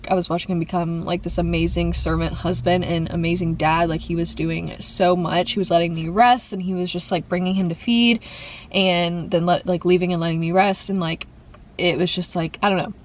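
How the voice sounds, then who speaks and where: A young woman vlogger talking through viewer questions in a chatty, rambling way, a little congested. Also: on the low side. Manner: rambling, fills with "like" and "um". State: slightly congested. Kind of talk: chatty Q&A vlog.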